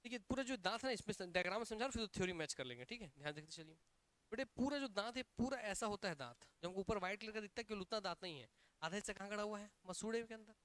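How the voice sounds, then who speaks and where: A male coaching teacher with a Chhattisgarhi Hindi accent, giving a lively classroom lecture and drilling students with repeated questions and answers. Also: high-pitched, rapid-fire, dry recording. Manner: energetic, emphatic.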